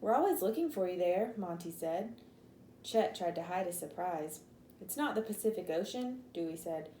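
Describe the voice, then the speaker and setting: A woman teacher reads a children's novel aloud with a mellow, relaxed tone. She lifts her voice for the characters' lines and stops to explain words. The room sounds echoey, with a faint hiss behind her. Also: medium pitch. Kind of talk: reading a chapter book aloud to a class.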